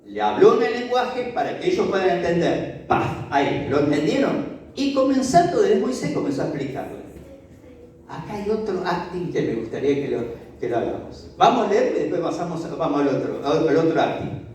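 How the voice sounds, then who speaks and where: A pastor preaches in a lively, swooping voice that rises and falls, acting out scenes and turning to the congregation. The tone is warm and mellow. The voice rings through a big echoey church hall, heard from a distance off the mic. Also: mid-range voice, moderate pace. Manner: animated, acts out Bible scenes with asides to the congregation. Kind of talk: lively sermon.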